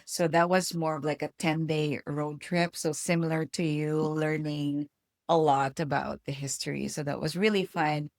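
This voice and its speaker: A woman's voice: sits low, vocal fry, no echo, studio quality. A woman from the Philippines co-hosting a podcast, chatting casually and reflectively and laughing easily. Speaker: podcast co-host. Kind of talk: casual chat.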